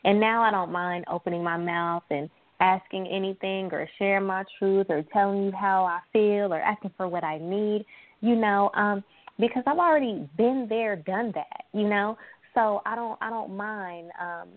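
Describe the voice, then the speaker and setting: A woman from San Francisco, a guest entrepreneur, talking in a lively, chatty way and laughing often. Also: mid-range voice, moderate pace, no room sound. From San Francisco, USA. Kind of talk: casual interview chat. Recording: thin phone-line sound, dry.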